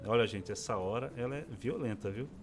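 A man in his forties speaks as an interview guest, telling a personal story in relaxed conversation. He talks expressively and slips into the voices of the people he quotes. His voice sits at an ordinary pitch, with faint music in the background. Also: a little fast. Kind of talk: casual chat, personal testimony.

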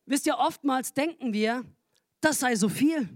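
A man's voice: extremely high pitch, unhurried, no room sound, clean studio sound. A man pastor giving a humorous, chatty sermon from a church stage, speaking into a handheld mic. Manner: humorous, chatty, laughs at own jokes.

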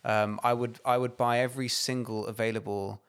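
A man's voice: medium pitch, little pitch movement, brisk, smooth. A man, slangy and sweary, in casual banter with friends.

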